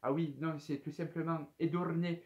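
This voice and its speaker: A man's voice: fairly high pitch, flat delivery, moderate pace, darkish tone, muffled recording. A man of twenty-one chatting casually to camera as a YouTube host, hesitant and full of fillers as he reads out viewer questions. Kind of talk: casual FAQ chat to camera.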